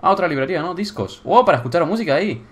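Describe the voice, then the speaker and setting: Excitable young man with a Spain Spanish accent. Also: on the high side, racing. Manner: excitable, bursts into loud exclamations. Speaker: YouTuber touring viewer builds. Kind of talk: casual gameplay commentary.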